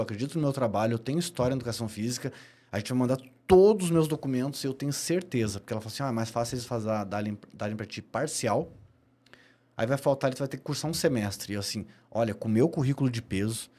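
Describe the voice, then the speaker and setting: On a podcast, a middle-aged Brazilian man who works as a personal trainer spins animated stories in a mellow mid-range voice. He's emphatic and often circles back to the same key phrases.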